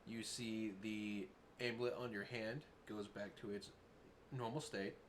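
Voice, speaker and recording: A man's voice: fairly low pitch, level tone, measured pace. A man runs a tabletop game as its game master. He narrates in a casual, conversational way, with faint noise in the recording.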